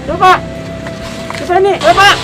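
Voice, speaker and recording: A man's voice: very high voice, moderate pace, music in the background, low-quality recording. An actor playing a fussy young man who nags his friend about wearing a mask, speaking with a Betawi accent in an insistent, exclaiming way. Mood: panicked. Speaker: actor in a comedy skit. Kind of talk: amateur comedy short film.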